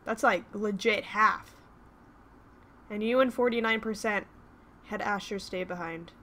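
A woman's voice: mid-range voice, a little slow, bright, forceful tone, a little hiss or hum. A woman giving emotional, exclaiming commentary as she plays a story game. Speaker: let's play host. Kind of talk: gaming commentary. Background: game music.

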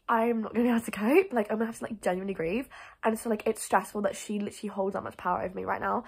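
A young woman who runs a reading vlog chats casually about books, gushing with enthusiasm and peppering her speech with "like." Her medium-pitched voice is creaky with a breathy edge.

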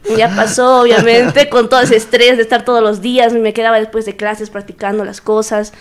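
A woman's voice: fairly high pitch, brisk. A young woman, a musician guest telling stories in casual chat and acting out quoted dialogue. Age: young adult. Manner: lively, acts out quoted dialogue, laughs often.

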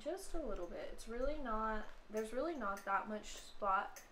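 A young woman chatting casually as she talks through a makeup tutorial step by step, giggly and relaxed. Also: fairly high pitch, normal speed. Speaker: makeup vlogger. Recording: echoey room with clear background noise.

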